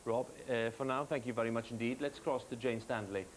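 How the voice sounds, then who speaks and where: A British man presenting live television news, measured and formal, heard from a worn VHS tape copy. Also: medium pitch, steady tone. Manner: measured, formal hand-offs to correspondents. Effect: worn VHS tape copy with hiss. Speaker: news anchor. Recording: hissy worn videotape copy.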